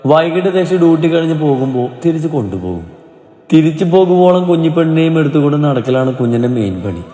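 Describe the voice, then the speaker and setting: Mellow-voiced man narrating a story. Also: on the high side, animated, fast talker. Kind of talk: scripted narration. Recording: roomy reverb, soft music behind.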